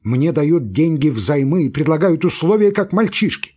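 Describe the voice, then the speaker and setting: Man voicing hysterical young nobleman, raised strained voice, breathless shouting, husky, storybook reading. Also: lively intonation, takes it slowly, heavily acted. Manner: shrill, shouting, breathless outbursts.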